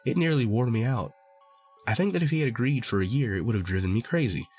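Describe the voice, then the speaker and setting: A man's voice: medium pitch, expressive, quick pace, a little mellow, husky, faint music behind, voice pushed up. A man doing a sly, wheedling little dwarf. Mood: chatty. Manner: wheedling, coaxing haggler.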